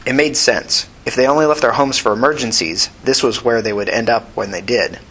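A man narrating an audiobook in a steady, even reading voice. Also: medium pitch, brisk, breathy edge, rough recording.

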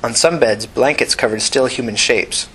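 A man narrating an audiobook in a steady, even reading voice. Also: mid-range voice, moderate pace, breathy edge, low-quality recording.

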